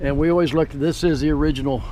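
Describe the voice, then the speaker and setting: Outdoors, a car dealer shows off a vehicle in a casual walk-around, his rambling talk hopping from point to point. His voice is on the high side with fairly even intonation and a quick pace, raised over loud wind picked up by the camera's built-in microphone.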